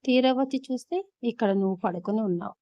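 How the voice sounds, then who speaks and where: A woman storyteller voicing a pleading older sister who speaks in a coaxing, hushed way, on a dull lo-fi recording. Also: fairly high pitch, fast, no echo, natural voice.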